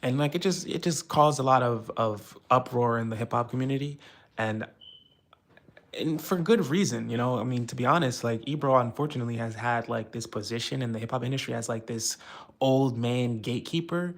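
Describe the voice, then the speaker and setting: A man's voice: mid-range voice, brisk. A young man from the United States talking casually and frustratedly on a live stream, rambling with many fillers.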